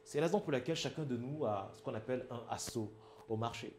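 A man's voice: mid-range voice, fast talker, darkish tone, roomy sound, slight background noise. Man teaching with Cameroonian French accent. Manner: emphatic, asks the audience if it is clear. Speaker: public speaking trainer. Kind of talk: instructional talk.

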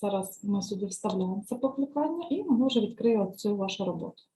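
A woman teacher trainer talks a screen-share tutorial through click by click, in a mellow, dark-toned voice. She explains each task patiently and keeps checking in with listeners. Her pitch sits at an ordinary middle height. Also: animated, quick pace, slight background noise, rough recording. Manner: talks through clicks step by step, often asks "right?"; explains language lesson tasks patiently.

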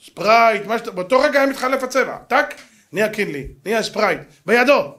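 A man, a rabbi giving a dramatic Torah lesson in slangy everyday talk, acting out the characters of his story. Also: lively intonation. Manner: dramatic storytelling, acts out characters with swings of pitch and loudness; slangy, colloquial street Hebrew.

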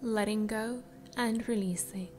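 A woman guiding a meditation in a soft, breathy spa voice that trails into whispers, soothing and unhurried. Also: medium pitch, fairly even intonation, a little hiss or hum. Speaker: meditation guide. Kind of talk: slow guided meditation narration. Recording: music behind the voice. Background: background music.

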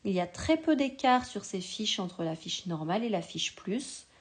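A woman teacher giving a slow, patient spelling lesson to a young child, sounding out each syllable with care. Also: mid-range voice, animated.

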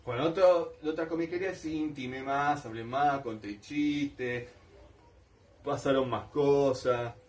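A man's voice: mid-range voice, a little slow, a little mellow, recorded from a distance. A man with an Argentine accent, rambling casually and nostalgically as a collector vlogger. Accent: Argentine Spanish. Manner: colloquial, nostalgic, repeats himself.

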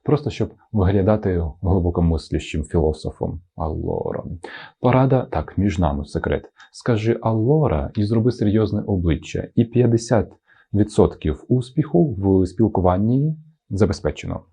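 Playful low-voiced man teaching language. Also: animated, normal speed, warm tone, slightly rough. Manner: playful, acts out intonations of example words; promotes his own course. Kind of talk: casual video lesson.

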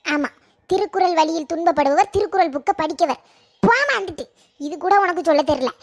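A woman's voice: extremely high pitch, fairly quick, voice pushed down. A woman voicing a sulky young woman who just sat an exam. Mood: complaining.

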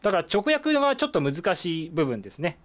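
A man's voice: high voice, fairly quick. A man explaining words step by step in a whiteboard language lesson, with many fillers. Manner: lively, explanatory, with frequent "eh" fillers. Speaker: Korean language teacher.

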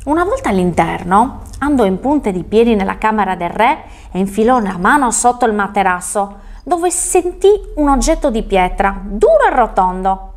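A woman's voice: mid-range voice, lively intonation, normal speed. A woman telling a fairy tale on a children's show, reading expressively.

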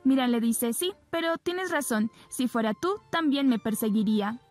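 A woman's voice: fairly high pitch, expressive, moderate pace, a little mellow, faint music behind. A woman narrating a recap of a TV drama episode, retelling scenes and reading the characters' lines in her own plain voice. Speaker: soap opera recap narrator.

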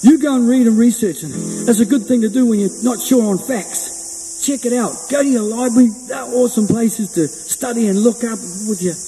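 A man's voice: very high voice, normal speed, warm tone. A man with a broad New Zealand Kiwi accent giving chatty, colloquial, folksy stage patter into a microphone as a musician. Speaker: musician entertainer. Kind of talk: folksy stage patter between sung lines. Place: outdoors on a hilltop above the sea. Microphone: microphone on a stand. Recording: outdoor mic with long reverb and music behind. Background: guitar music.

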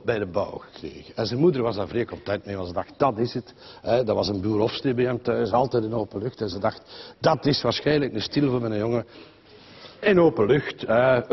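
A man's voice: on the low side, muffled recording. A man with a Flemish accent telling a comic story in a rambling, chatty way, full of fillers and voices of the people in it. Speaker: comedian.

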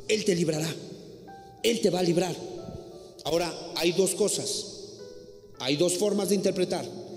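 A man preaches a lively sermon, slipping into shrill acted voices for the people in his stories. His voice sits a little high for a man. It rings through a church hall with a long echo. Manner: animated, acts out quarrels in a shrill voice. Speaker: pastor. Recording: echoey hall with faint music.

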